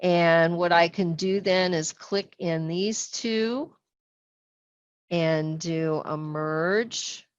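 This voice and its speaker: A woman guides viewers through software steps in a patient, unhurried way, pausing often with small fillers. Her voice sits fairly low, and the sound is dry and a little dull, like webinar audio. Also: clean tone, no echo. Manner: patient, step-by-step with frequent fillers. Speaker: software trainer. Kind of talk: screen-share webinar tutorial.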